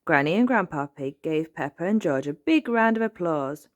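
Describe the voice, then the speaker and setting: A woman hosting a channel, reading a children's storybook aloud in a gentle, clear, expressive way. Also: sits low, normal speed.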